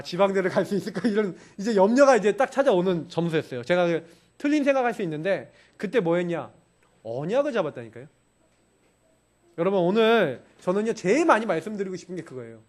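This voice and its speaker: A man preaching a sermon in a church with a strikingly high, lively voice that swoops up and down. He throws himself into it and acts out the voices he quotes. He sounds to be in his thirties. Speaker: pastor. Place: church sanctuary.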